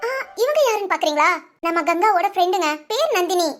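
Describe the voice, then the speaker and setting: A woman's voice: extremely high pitch, expressive, quick pace, music in the background. A woman narrating a short story, chatty and talking straight to her listeners. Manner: chatty, addresses listeners directly.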